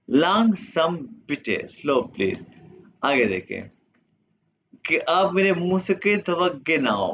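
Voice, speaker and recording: A man whose first language is Urdu, teaching a German lesson slowly and patiently, repeating each word for his students. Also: a little high, fairly bright tone, highs cut off, slight background noise.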